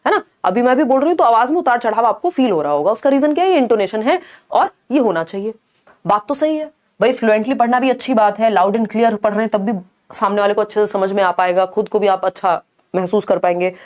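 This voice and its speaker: A woman teaching a live online exam-prep class, chatty, often checking back with her viewers. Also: mid-range voice. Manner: chatty, mixes English into Hindi, asks the class to confirm.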